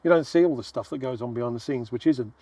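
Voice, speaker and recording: A man's voice: mid-range voice, fast, warm tone, husky, dry recording. A man from England chatting casually and jokingly as a travel vlogger, recorded outdoors on a day out. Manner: jokey, chatty, teasing. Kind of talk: casual chat. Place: outdoors at a museum.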